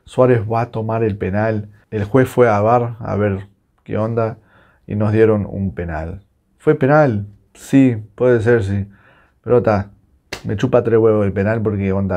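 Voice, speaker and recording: A Uruguayan man with a Rioplatense accent, reacting live to a football match with excitable, swearing rants. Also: lowish voice, moderate pace. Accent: Rioplatense Spanish. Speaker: football fan reacting on his channel.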